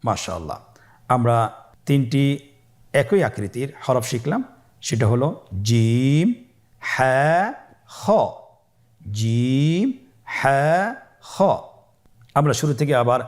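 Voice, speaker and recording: A man teaching beginners the Arabic letters in a recorded lesson, calmly saying each letter sound and pausing for students to repeat it. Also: mid-range voice. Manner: slow, patient call-and-repeat drilling; stretches letter sounds long. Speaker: Quran teacher.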